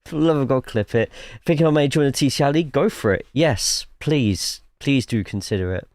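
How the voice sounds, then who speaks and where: A man's voice: mid-range voice, animated, brisk, darkish tone, dry recording, studio quality. A man with a cough giving casual, chatty live commentary while streaming a sim racing game, swearing freely and reading chat aloud.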